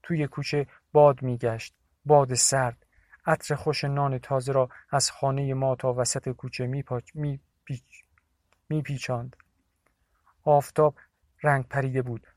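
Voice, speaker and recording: A man narrating a novel in a steady, measured audiobook reading. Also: mid-range voice, no echo, clean studio sound.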